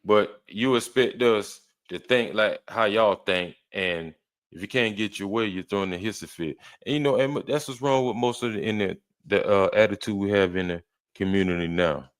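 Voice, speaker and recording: A man with a low, deep voice runs a reaction show. He argues back at each clip in a blunt, heated tone. The sound is dry and close. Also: normal speed, dry recording. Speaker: reaction host. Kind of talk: reaction commentary.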